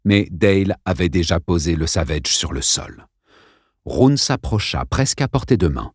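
Low-voiced man reading a suspense audiobook. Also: lively intonation, normal speed, husky, no room sound, clean studio sound. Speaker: narrator. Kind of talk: audiobook narration.

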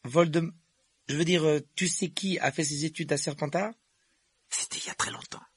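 A man voicing an eager, talkative young wizard boy who rambles excitedly. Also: a little high, normal speed, husky, no echo, voice pushed up. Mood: chatty. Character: chatty eager red-haired wizard boy.

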